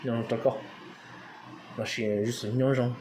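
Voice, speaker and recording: A man's voice: mid-range voice, steady tone, moderate pace, darkish tone, a little hiss or hum. A man giving an informal language lesson, hesitant with many fillers, spelling words out letter by letter. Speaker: language teacher.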